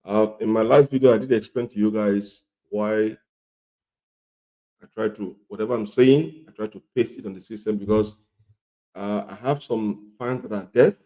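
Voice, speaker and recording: Low, gravelly-voiced man with a cold. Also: normal speed, dark tone. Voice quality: coarse, gravelly voice. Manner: repetitive, emphatic. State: congested and hoarse with a cold. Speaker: health video presenter. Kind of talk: instructional talk to viewers.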